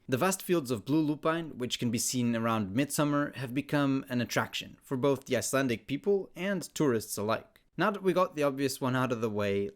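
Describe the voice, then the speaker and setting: A man gives scripted documentary narration at a middle pitch. He explains steadily and clearly. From Portugal.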